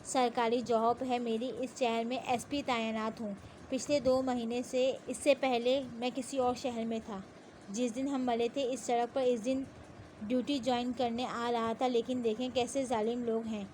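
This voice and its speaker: A woman voicing a calm, persuasive police officer. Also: very high voice, slight background noise. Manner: soft-spoken, calm and persuasive. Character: gentle, confident young male police officer.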